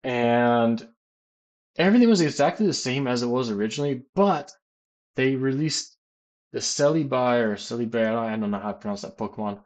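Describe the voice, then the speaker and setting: Man, american, casual stream chat, rambling, filler words, middle pitch. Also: animated, a little fast, darkish tone. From United States. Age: adult, works as a teacher. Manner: rambling, many fillers and restarts. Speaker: gaming streamer answering chat questions.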